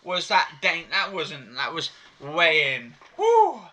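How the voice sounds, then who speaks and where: A young man hosting a train game channel, giving animated, exclamation-filled gameplay commentary. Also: a little high, slow pace. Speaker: gaming channel host. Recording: train game noise behind.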